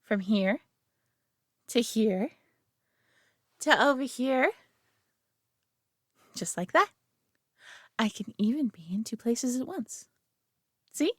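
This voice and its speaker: Smug and teasing, a woman voices a superior alien being who is proud and possessive yet caring, talking down to the listener with tenderness in a roleplay audio drama. Her voice sits on the high side with lively intonation, unfolding slowly with long pauses. The studio recording is clean and echo-free.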